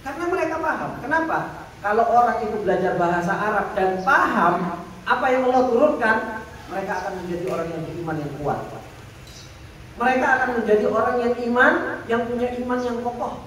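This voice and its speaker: Animated preacher in echoey room. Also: male voice, very high-pitched. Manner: animated, asks rhetorical questions and answers them. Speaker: Islamic teacher. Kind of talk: religious lecture. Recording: echoey room, distant mic, faint noise.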